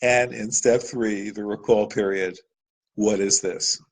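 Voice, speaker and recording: Man, webinar presenter, husky voice, patient teaching tone, occasional fillers. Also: lowish voice, steady tone, takes it slowly, low-quality recording. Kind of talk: live webinar lesson over slides.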